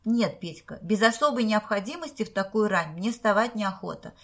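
A woman's voice: mid-range voice, lively intonation, normal speed, fairly bright tone. A woman reading the part of a playful, teasing teenage girl in a storybook.

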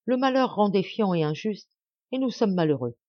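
A woman voicing grave male army officers in an audiobook, speaking earnestly and measured. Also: mid-range voice, animated, dry recording, highs cut off, lightly acted. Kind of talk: audiobook character voice.

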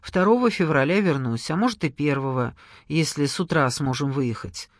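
Reader as wry teasing husband, light tone, audiobook. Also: male voice, fairly high pitch, normal speed, dry recording, clean studio sound, voice pushed down, lightly acted. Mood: ironic. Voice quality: ironic, teasing. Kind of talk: audiobook character reading.

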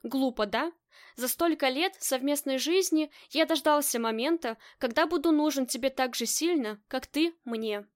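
A woman's voice: high voice, normal speed, dry recording, studio quality, lightly acted. A woman voicing a tender, playful grown husband in an audiobook, speaking lovingly to his wife. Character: affectionate teasing husband, grown man.

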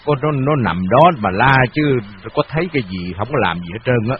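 A man playing a fretful old man who grumbles and talks in hurried bursts, on a dull lo-fi recording. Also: medium pitch, lively intonation, a little hiss or hum, close to an everyday voice. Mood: grumbling.

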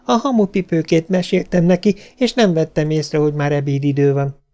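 A man voicing an eager little girl who begs and pleads in a high, breathless way in an audiobook story. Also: fairly even intonation, mellow, close to an everyday voice. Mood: pleading.

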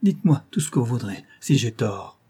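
A man's voice: medium pitch, very animated, brisk, mellow, husky. A man voicing a terrified young female servant who pleads and sobs in broken outcries, reading a classic novel aloud. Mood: remorseful. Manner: sobbing, beseeching, breathless outcries.

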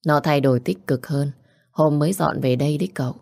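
Kind middle-aged mother, gentle and earnest, mellow tone, read by a woman. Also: low voice, fairly quick, vocal fry, dry recording, studio quality. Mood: fond.

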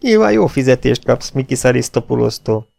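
A man reading the part of a big, smooth-talking and confident male spy in an audiobook. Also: medium pitch, very animated, a little mellow, faint music behind.

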